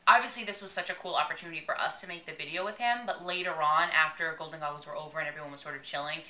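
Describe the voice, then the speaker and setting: A woman's voice: sits low, rapid-fire. A woman co-hosting a casual chat, telling stories animatedly and acting out what people said. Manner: animated storyteller acting out dialogue. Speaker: co-host. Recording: roomy echo.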